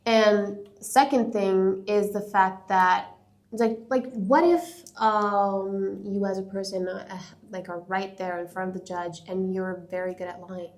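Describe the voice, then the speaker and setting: Woman co-host, mid-pitched, easygoing, raises what-if questions in relaxed talk. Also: measured pace. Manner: conversational, poses what-if questions, laughs easily. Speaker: podcast co-host. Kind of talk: casual chat.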